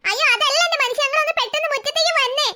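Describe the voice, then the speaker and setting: Someone voicing a frazzled cartoon mom, grumbly and bossy, high bright voice, talks quick. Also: background noise. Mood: alarmed. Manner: complaining, bossy. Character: busy mother, harried and sharp-tongued. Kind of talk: cartoon voice acting.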